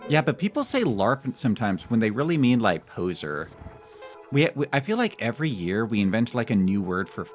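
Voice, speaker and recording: A man's voice: medium pitch, big pitch swings, moderate pace. A man chatting casually and rambling as he streams a game. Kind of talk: casual chat while gaming. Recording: music behind the voice.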